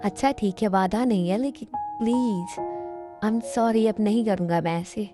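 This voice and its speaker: A woman's voice: mid-range voice, fairly quick, over music, natural voice. A woman voicing a remorseful young husband who keeps pleading and apologizing in a fan-dubbed drama. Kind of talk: Hindi fan dub drama.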